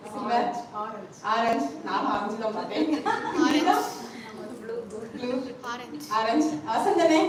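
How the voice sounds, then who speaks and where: A woman pastor from India preaching a sermon, quizzing her congregation with questions and asking them to answer aloud. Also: high-pitched. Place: church hall, indoors. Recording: echoey hall from far off, faint noise.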